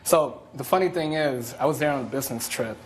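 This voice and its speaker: A young man from the Dominican Republic, the plaintiff in a TV court case, gives rambling courtroom testimony full of fillers and restarts. His mid-range voice moves fairly quickly, and the rough recording carries a little hiss or hum.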